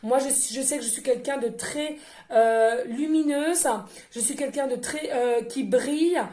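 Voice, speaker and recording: In an echoey room with faint noise, a woman medium gives her viewers an oracle card reading. Her mellow voice sits high and moves at a measured pace, and she's casual and effusive, with frequent fillers and repetitions.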